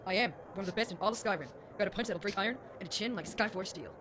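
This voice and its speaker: An actress playing a thin-skinned, boastful Nord fighter in a video game, with combative, rough folksy speech. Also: female voice, medium pitch, rapid-fire, background noise, close to an everyday voice. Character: brash, thin-skinned strong Nord brawler woman. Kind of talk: video game character dialogue. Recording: sped-up game audio under music.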